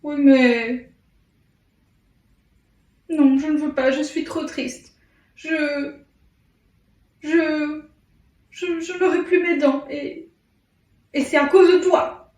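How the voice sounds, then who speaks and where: Woman playing a slow, sleepy, sulky storybook crocodile. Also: high voice, fairly even intonation, a little mellow. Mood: sad, doubtful. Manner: drowsy, groaning, hesitant complaining. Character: sleepy, sulky, self-pitying male crocodile. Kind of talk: children's animal tale, played for toddlers. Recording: echoey room, distant from mic.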